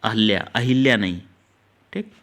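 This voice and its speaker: A male teacher taking students through an exam-prep grammar lesson, explaining each answer step by step and slowly repeating key words. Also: fairly low pitch, fairly bright tone. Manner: talks directly to students, urging them to note things down.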